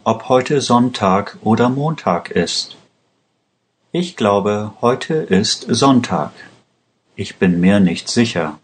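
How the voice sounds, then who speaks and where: A man narrating a language-learning story in a slow, careful, even reading. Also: lowish voice.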